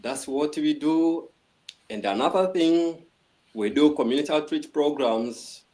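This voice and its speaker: A man's voice: a little high, a little slow, warm tone. A man from Tanzania speaking formally as a guest on a video call, with frequent restarts. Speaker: guest, organization vice president.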